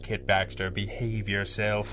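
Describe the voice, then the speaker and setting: An actor playing a brainy, measured masked crime-fighter who is the boss, in a pulp radio drama. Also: male voice, fairly low pitch, level tone, noisy background, close to an everyday voice. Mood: calm, dry. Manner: measured, articulate, dry. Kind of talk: 1930s-set pulp radio drama acting.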